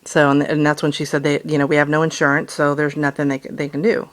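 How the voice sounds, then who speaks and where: A woman's voice: deep voice, level tone, fast talker. Woman explaining things on a call. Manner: explanatory, persistent. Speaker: customer calling about a bill. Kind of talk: conversational phone call.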